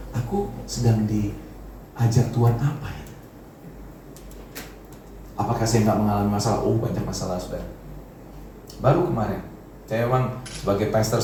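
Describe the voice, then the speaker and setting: Male pastor, casual style speech, mellow tone, heard from across a very echoey church hall. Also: recorded from a distance, a little hiss or hum. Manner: conversational preaching with dramatic pitch swings. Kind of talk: sermon.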